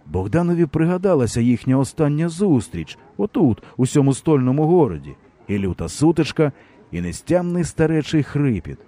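A man narrating a historical novel as an audiobook in an expressive, measured storytelling manner. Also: fairly high pitch.

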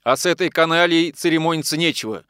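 A man's voice: fairly high pitch, quick pace, smooth, no echo, clean studio sound. A man reading a detective novel aloud as narrator, lifting his voice for the characters' urgent lines. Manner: reads characters' lines with rising, animated emphasis. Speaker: audiobook narrator.

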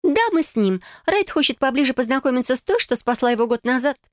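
A woman's voice: fairly high pitch, lively intonation, a little fast, no echo, clean studio sound, voice pushed up, lightly acted. A woman voicing a haughty, mocking young woman who taunts her cousin in an audiobook. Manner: taunting, smug.

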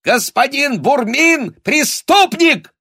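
A man's voice: mid-range voice, sing-song, measured pace, a bit bright, dry recording, studio quality, voice pushed up, exaggerated voice. A man voicing a spiteful, scheming nobleman who grimaces and shrieks his threats. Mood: shrill threats.

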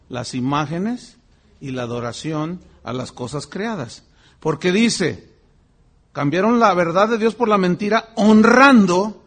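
A man preaching a sermon as pastor, animated and acting out voices and exclamations. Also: high voice.

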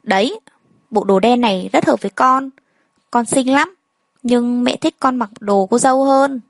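A female narrator reads a first-person story at a measured pace in a fairly high voice, giving every character much the same plain delivery. The recording is dry, close and rough, with almost no room sound.

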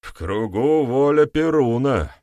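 A man's voice: fairly low pitch, lively intonation, normal speed, a bit bright, dry recording, pitched above the performer's own voice. A man doing a zealous village sorcerer-priest. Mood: impassioned.

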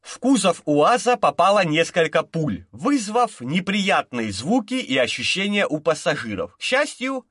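A man narrating an audiobook with lively, expressive storytelling. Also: on the high side, no echo, studio quality. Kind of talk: audiobook narration of a crime novel.

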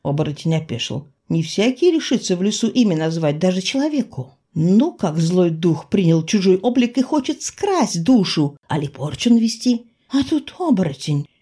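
A woman narrating a fairy tale for an audiobook, with expressive storytelling and dramatic slowdowns. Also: lowish voice, slightly rough.

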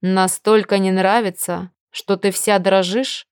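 A cocky young dragon knight teases in a slow, self-assured way in this audiobook, read by a woman. The pitch sits in a middle range, and the sound is dry and close. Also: little pitch movement, clean tone, no echo, lightly acted. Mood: smug. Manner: unhurried, self-assured teasing. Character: smug teasing young man, dragon knight. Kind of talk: audiobook character voice.

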